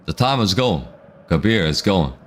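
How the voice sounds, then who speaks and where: A man's voice: low-pitched, sing-song, moderate pace, a little hiss or hum. A man hosting a live football watchalong, talking casually to his chat in slang and reading out viewer comments. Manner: reads out viewer comments between reactions. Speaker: watchalong stream host.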